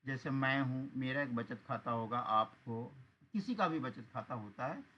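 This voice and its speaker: A man's voice: medium pitch, a little slow, highs cut off. A man teaching accounting in an online class, explaining patiently and often checking that students follow.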